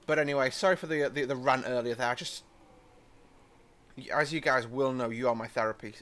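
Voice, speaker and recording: Brisk and a bit bright, this medium-pitched man's voice belongs to a young British host playing a train game. His let's-play commentary is casual, rambling and chatty, sprinkled with apologetic asides.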